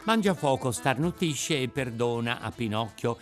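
A man narrating a classic children's tale in a theatrical, expressive reading. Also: medium pitch, normal speed, over music. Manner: expressive, rises and falls with the tale.

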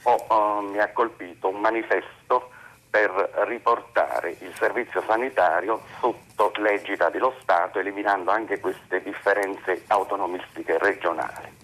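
A man from Naples phoning in to a radio talk show, asking a long question in a formal, hesitant way with many pauses and fillers. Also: on the low side, steady tone, a bit bright, low-quality recording. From Naples, Italy. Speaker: radio phone-in caller.

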